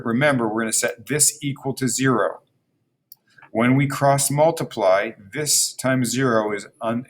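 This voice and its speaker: A man teaching a math lesson, working problems out loud and talking viewers through the slides, with frequent fillers and restarts. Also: mid-range voice. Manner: thinks aloud with fillers and restarts, addresses viewers as friends.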